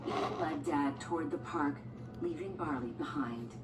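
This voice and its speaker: A woman with a deep voice narrates a scripted children's storybook at a measured pace as a read-along storyteller. The recording is echoey and distant, with music and sound effects behind her.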